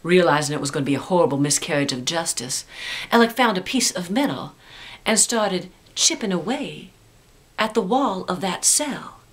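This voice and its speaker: A woman guide narrating a ghost story in a theatrical, deliberate way that drops into a spooky hush. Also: fairly low pitch, animated, breathy edge.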